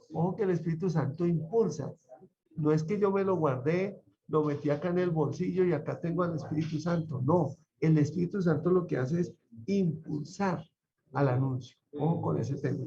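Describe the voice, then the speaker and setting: A man's voice: fairly high pitch, creaky, dark tone. A man teaching an online Bible class in a conversational lecture style, often asking his students questions. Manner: conversational, asks the class frequent rhetorical questions. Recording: muffled online class audio.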